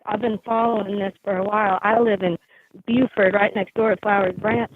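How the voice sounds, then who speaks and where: A woman's voice: mid-range voice, steady tone, a little fast, slight background noise. A woman calling in to a live stream, talking casually and hesitantly with many ums and restarts, heard over muffled call-in phone audio that breaks up. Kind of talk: casual chat. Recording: tinny, muffled phone line.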